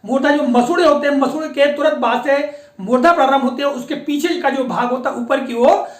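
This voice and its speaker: A woman teaching a patient, explanatory lesson, often pausing to check that her students follow along. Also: high-pitched. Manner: patient, explanatory, often repeats a confirming filler. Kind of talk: classroom-style lecture on pronunciation. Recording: echoey room.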